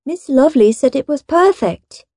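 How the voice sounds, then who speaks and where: Brief: a woman playing a prim, tattling little goody-goody boy, high voice. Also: animated, moderate pace, darkish tone, no echo, studio quality. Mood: prissy. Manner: prissy, wailing when upset.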